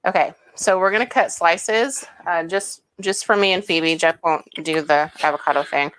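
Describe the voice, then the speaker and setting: A woman's voice: on the low side, normal speed, fairly bright tone, clear, resonant tone. A woman hosting a home cooking demonstration, explaining each step in a chatty, homey way with casual asides. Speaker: cooking show host.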